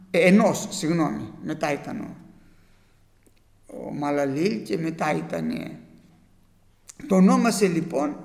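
A man preaching a sermon to his congregation, his voice surging up for emphasis, who slows down to read scripture in formal old wording. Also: high-pitched, creaky, darkish tone. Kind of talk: sermon with Bible reading. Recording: long hall reverb.

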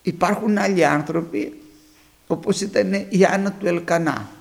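A male preacher delivers a sermon to his congregation in a high-pitched, creaky voice, animatedly retelling Bible stories and acting out the voices of the people in them.

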